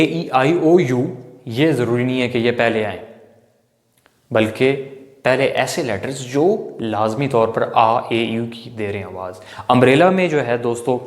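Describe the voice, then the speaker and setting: A man teaching English grammar in a patient, repetitive lecture, often putting questions to his viewers and answering them himself. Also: medium pitch. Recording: echoey room with long reverb.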